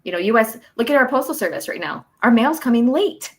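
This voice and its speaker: A woman with a slightly high, expressive voice speaks briskly as a guest on a casual podcast talk show. She coordinates work incentives and explains benefit rules at length, chatty and full of fillers.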